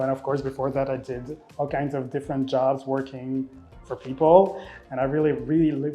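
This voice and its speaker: Expressive man with a mellow voice. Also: medium pitch. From Rwanda, raised in Belgium. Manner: expressive, repeats words while thinking, laughs easily. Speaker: makeup artist guest. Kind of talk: casual interview.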